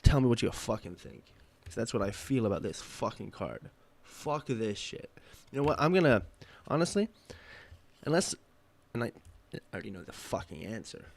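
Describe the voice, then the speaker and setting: A man opening trading card packs and ranting angrily with constant profanity, swinging between loud outbursts and low muttering. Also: expressive, normal speed. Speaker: card-opening channel host. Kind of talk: ranting booster pack opening.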